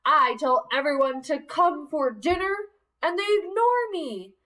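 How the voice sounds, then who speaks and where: A woman voicing a grumpy, loud male troll in a picture-book read-aloud, yelling and grumbling. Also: high voice, animated, measured pace, far from the mic, pitched above the performer's own voice.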